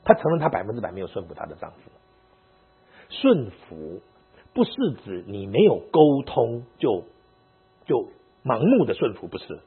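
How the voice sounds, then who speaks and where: Husky, lively male church elder preaching. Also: lowish voice, moderate pace, long pauses. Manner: animated storytelling, mixing in English words. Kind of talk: sermon. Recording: muffled lo-fi recording with mains hum.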